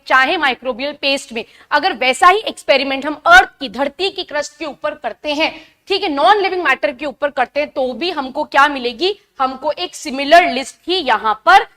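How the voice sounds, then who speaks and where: A young woman giving a live online biology lesson, chatty and asking her students questions, reading textbook lines slowly before explaining them. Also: high voice, sharp tone. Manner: reads English textbook lines slowly, then explains in Hindi. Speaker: biology teacher. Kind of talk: live online class lecture.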